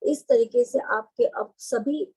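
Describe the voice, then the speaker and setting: A woman teaching a meditation lesson, explaining calmly and then guiding the listener through breathing, with soft hesitations. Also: on the high side, slow pace, breathy edge, rough recording. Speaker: meditation instructor.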